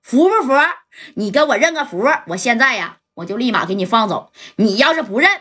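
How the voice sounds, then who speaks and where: A woman's voice: a little high, very animated, brisk, a bit bright, slightly rough, exaggerated voice. A woman voicing an arrogant male gang boss who taunts and threatens. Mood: taunting. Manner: taunting, bullying.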